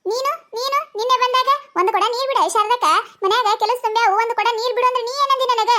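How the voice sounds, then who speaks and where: A woman with a North Karnataka Kannada accent voicing a quarrelsome young village woman for a cartoon, shrill and bickering. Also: steady tone, quick pace, sharp tone. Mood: indignant. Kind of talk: cartoon voice acting.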